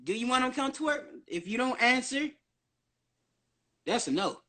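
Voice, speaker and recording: A man's voice: very high-pitched, animated, measured pace, pushed and bright, a little hiss or hum. A man in his early twenties rambling nonstop on a casual livestream, slangy and full of swearing. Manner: profane, slangy. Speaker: guest on a social media live stream.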